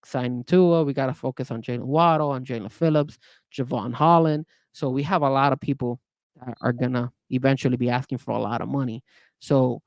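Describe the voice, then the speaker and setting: A man co-hosting a casual sports podcast, talking in an animated way with frequent restarts and hedges. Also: medium pitch, no room sound. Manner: animated, hedging, many restarts. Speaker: podcast co-host.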